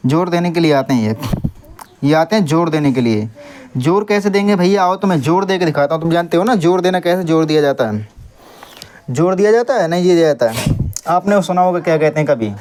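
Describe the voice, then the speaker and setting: A man's voice: a little high, expressive, fairly quick, a little mellow. Young guy teaching english grammar to a class, quizzes pupils and answers for them, tells off noisy kids.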